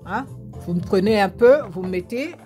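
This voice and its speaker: A woman's voice: mid-range voice, animated, measured pace, warm tone, faint music behind. A woman giving casual home how-to tips, repeating steps with fillers and restarts. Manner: repetitive, many fillers and restarts.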